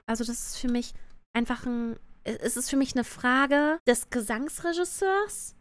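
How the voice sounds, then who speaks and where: A woman with a cute anime-streamer delivery, giving animated, opinionated livestream commentary sprinkled with English slang. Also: fairly high pitch, unhurried, dry recording. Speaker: VTuber streamer reviewing a cartoon song dub. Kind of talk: casual reaction commentary on a livestream.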